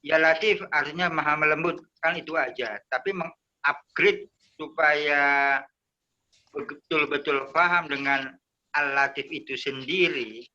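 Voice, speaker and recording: A man's voice: fairly high pitch, measured pace, sharp tone, dull audio. An Indonesian man asking questions in a religious talk, hesitant and searching for words. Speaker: interviewer.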